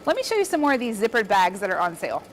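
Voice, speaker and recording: Talking very fast with big swings in pitch, this woman leads a cheerful, chatty embroidery demo and encourages her viewers while she works. Her voice is medium in pitch, and there's slight noise in the background.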